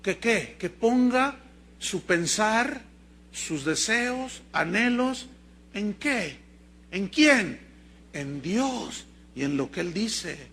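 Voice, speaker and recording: A middle-aged pastor with a Mexican Spanish accent preaches a lively sermon and acts out the voices in his stories. His voice sits high for a man and sounds bright and keen. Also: drawn-out words, gravelly, husky. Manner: lively storytelling preacher, acting out dialogue.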